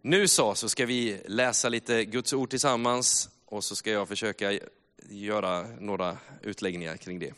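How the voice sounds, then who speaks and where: A man's voice: on the low side, fairly even intonation, fairly bright tone, clear, resonant tone. A man preaching a sermon as a missionary, telling stories with laughs and growing fervor. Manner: storytelling with laughs and rising fervor. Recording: long hall reverb.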